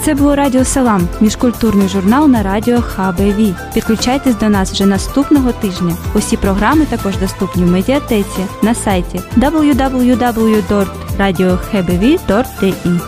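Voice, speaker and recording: A woman reading a scripted station announcement clearly and formally. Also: medium pitch, moderate pace, few pauses. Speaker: radio announcer. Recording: music bed underneath.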